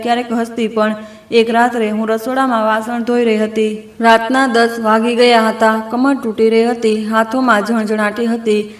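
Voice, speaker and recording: A woman reading a first-person family story aloud in an emotional, measured storytelling manner. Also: a little high, reverberant.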